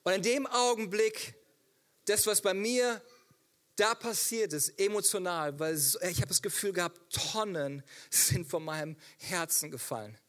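High, bright-voiced male preacher. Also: measured pace. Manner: storytelling, rhetorical questions, animated. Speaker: pastor. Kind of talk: sermon with personal story.

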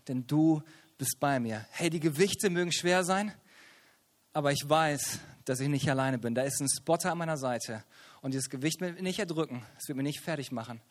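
A man preaching a lively sermon, telling a personal family story and acting it out with rising, shouted lines. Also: fairly high pitch. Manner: animated, acts out family voices, rises to shouts.

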